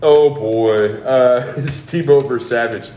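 A man's voice: mid-range voice, dark tone. Rambling, joking man in a roomy room. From New Jersey. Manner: joking, rambling, quick to laugh. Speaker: podcast co-host. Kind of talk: casual wrestling review chat. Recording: roomy room with faint background noise.

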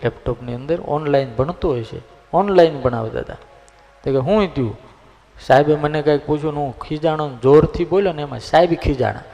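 A man's voice: fairly high pitch, brisk, mellow, in a large hall, faint music behind. A man preaching as a swami, telling folksy stories and checking in with listeners. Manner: folksy, storytelling, asks listeners for agreement. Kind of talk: sermon with humorous stories.

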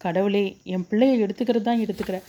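A woman's voice: mid-range voice, fast, dark tone, lightly acted. A woman voicing a grieving older mother who pleads through tears in a spoken story. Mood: tearful. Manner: tearful, pleading. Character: grieving older mother at her son's bedside.

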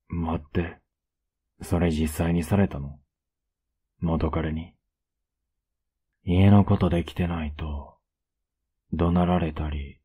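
Low, husky young Kansai man, whispered role-play. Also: dark tone, dull audio. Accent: Kansai Japanese. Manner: blunt, rough-spoken but caring. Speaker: voice actor playing a boyfriend.

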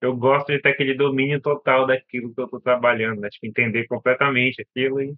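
A man's voice: mid-range voice, level tone, fast, no echo. Young man, laid-back podcast chat, short thoughtful remarks, dull lo-fi recording. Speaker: podcast co-host. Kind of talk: casual chat.

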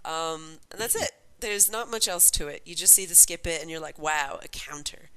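A woman co-hosts a casual podcast about old toy commercials, chatting and rambling with frequent ums while sounding sniffly from a cold. Her voice sits low and has a sharp, clean tone, at a normal speed.

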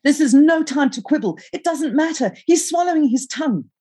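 A woman's voice: lowish voice, wildly swooping pitch, slightly rough, heavily acted. A woman voicing a bold, bossy young woman in her own novel, giving orders to her little brother. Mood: alarmed. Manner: bossy, quick-tongued and loud. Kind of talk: reading her novel aloud.

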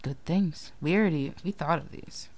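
Young woman co-host, playful teaser, slightly low voice, relaxed chat delivery. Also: moderate pace. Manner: playful, teasing, laughs easily. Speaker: podcast co-host. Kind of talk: casual chat.

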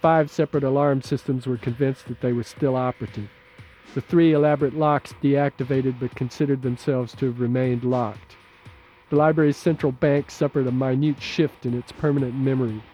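A man narrating an audiobook in a measured, steady, low-key way. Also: faint music behind. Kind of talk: scripted narration.

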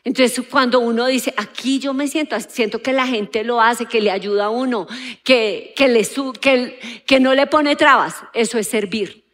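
Woman preacher, fairly high voice, animated sermon with acted-out quotes. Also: measured pace. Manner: animated, acts out quotes, asks the audience questions. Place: auditorium.

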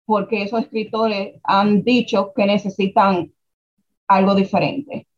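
Over dull lo-fi audio, a young Dominican woman with a Dominican Spanish accent chats as an interview guest, founder of a writers' platform. She talks in an unhurried mid-range voice, lively, restarting sentences and tossing out rhetorical questions in this casual conversation.

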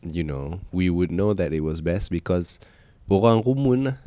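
A man's voice: sits low, lively intonation, normal speed, dark tone, clean tone, no echo. A man with a Malaysian accent chatting casually and telling anecdotes, switching between English and Malay.

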